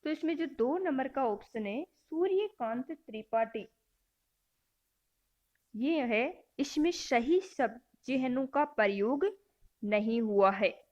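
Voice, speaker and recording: Lady teacher reading out quiz options then explaining the answer, talks slow. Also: high-pitched, lively intonation, highs cut off. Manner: self-correcting. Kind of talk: exam-prep grammar lesson.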